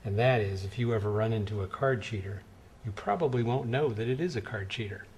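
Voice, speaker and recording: A middle-aged man performs card magician patter in a fairly low voice. His delivery is conversational and playful, like a demonstration for onlookers at a table. There is clear room noise behind him. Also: fairly quick, darkish tone. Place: indoor studio set at a card table.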